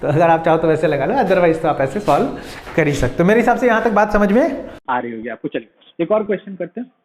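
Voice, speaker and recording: A man on works through a chemistry problem on a board. He explains each step, often checks whether his students follow, and slows right down when he dictates. The room is echoey, with a faint hum behind him. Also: on the high side, lively intonation. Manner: dictates slowly while writing. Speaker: chemistry teacher. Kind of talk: whiteboard lesson.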